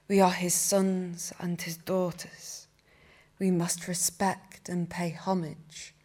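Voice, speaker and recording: A young woman, a poet, reading her own poems aloud in a cathedral with slow, measured delivery. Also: fairly low pitch, darkish tone. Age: young adult. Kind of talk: poetry reading.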